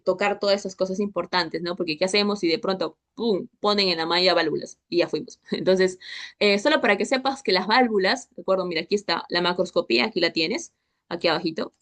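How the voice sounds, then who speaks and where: A woman's voice: lowish voice, fairly bright tone. Chatty young woman teaching histology. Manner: chatty, checks in with constant "¿ok?" and "¿listo?". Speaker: histology tutor. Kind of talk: online class lecture.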